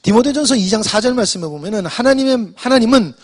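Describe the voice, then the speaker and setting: Male preacher, husky voice, lively rising and falling pitch, explanatory sermon. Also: quick pace. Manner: explanatory, addresses congregation with frequent "자".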